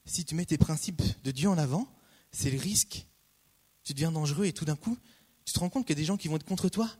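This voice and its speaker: Casting: a chatty male preacher, voice a bit high, heard with a long hall reverb. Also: brisk, husky. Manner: chatty, repeats key phrases, lively asides. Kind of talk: casual conversational sermon.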